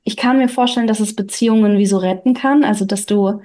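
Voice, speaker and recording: A woman who reads a story aloud and then reflects on it in conversation, thinking aloud with pauses and fillers. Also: medium pitch, dark tone. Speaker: reader and host.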